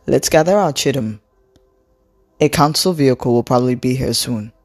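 A woman reading aloud and voicing a calm teenage boy, dazed and matter-of-fact. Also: very deep voice, moderate pace, soft background music. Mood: steady.

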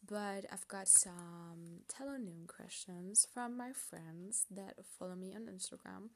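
Slow, gravelly young German woman. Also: mid-range voice. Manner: hesitant, rambling, laughs often, many fillers. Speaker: podcast host. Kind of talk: casual solo podcast talk.

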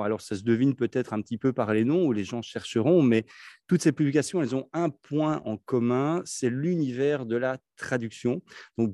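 A man's voice: medium pitch, dark tone, no room sound, clean studio sound. A man hosting a podcast interview, chatty and rambling, with lots of fillers and restarts. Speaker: podcast host. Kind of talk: podcast interview with scripted intro.

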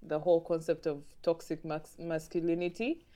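A young woman hosting a casual podcast conversation, chatty and quick to laugh as she prompts her guest with questions. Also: low voice, level tone, mellow. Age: young adult. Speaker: podcast host.

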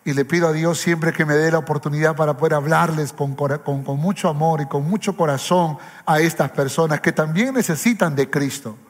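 A man's voice: a little high, brisk, few pauses. A male pastor preaching a sermon with impassioned, repetitive phrasing. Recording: echoey hall with faint music.

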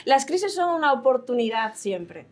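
A woman hosting a casual interview chat, lively and quick to laugh and exclaim. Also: sits high. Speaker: host.

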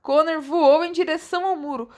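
A woman's voice: sits high, steady tone, moderate pace. A woman reading a children's book aloud in a casual, giggly, playful way. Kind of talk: casual read-aloud narration with banter.

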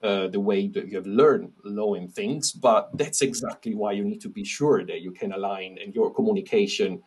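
Italian-accented man, halting speech. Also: on the low side, a little mellow, breathy edge. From Italy. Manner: halting, with many restarts and fillers. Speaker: podcast guest. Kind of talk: casual interview chat.

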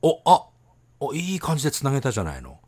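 A man co-hosting a casual podcast chat, animated and teasing, laughing often. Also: medium pitch, fast. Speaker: podcast co-host.

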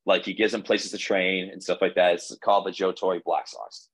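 A man's voice: sits low, steady tone, normal speed, a bit bright, husky, low-quality recording. A man in his twenties, a podcast guest telling his story in a casual, rambling way, full of "like" and restarts. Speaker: podcast guest, baseball pitcher.

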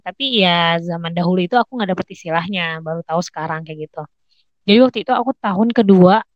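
A young woman, a podcast guest, telling a personal story in a chatty, expressive, slangy way, full of fillers. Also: lowish voice, dry recording, rough recording. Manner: slangy informal speech.

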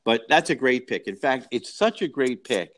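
A man's voice: mid-range voice, expressive, moderate pace, fairly bright tone. A man co-hosting a casual film discussion, rambling with lots of restarts and repeated words. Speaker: podcast co-host.

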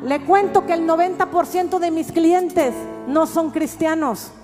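A middle-aged woman pastor with a Mexican accent, telling a testimony in a sermon with animated storytelling that rises at times to shouts. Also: very high voice, measured pace. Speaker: pastor and prophet. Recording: reverberant hall with faint music.

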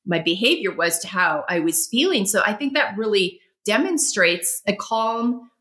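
Bright-toned woman hosting a chat. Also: medium pitch, lively intonation, moderate pace. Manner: warm affirmations, rambling questions with restarts. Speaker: host. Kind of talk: interview chat.

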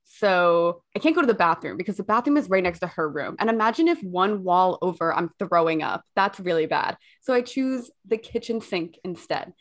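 A woman's voice: lowish voice, animated, moderate pace, hardly any pauses. A hungover young woman co-hosting a podcast, chatting casually and telling stories in a candid, self-mocking way with loose swearing. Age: young adult. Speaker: podcast co-host.

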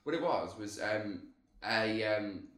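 A man's voice: fairly low pitch, lively intonation, takes it slowly, a bit bright. A man in his thirties with a Swansea Welsh accent, chatting casually in a rambling, colloquial, self-deprecating way as a guest. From Swansea, Wales. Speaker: podcast guest, drag performer. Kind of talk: casual chat. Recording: echoey room.

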